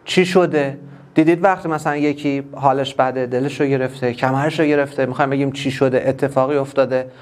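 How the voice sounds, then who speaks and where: A man with a Persian accent teaching an English class online, explaining each word step by step and repeating it slowly. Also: mid-range voice, fairly even intonation.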